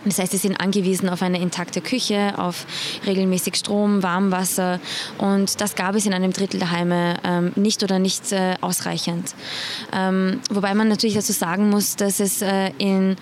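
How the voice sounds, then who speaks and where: A young woman from Iran talks as a journalist in an interview, pausing often and filling gaps. Her pitch stays level and even throughout, with a faint hiss beneath her voice. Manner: hesitant, many fillers. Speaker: investigative journalist. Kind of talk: interview answers.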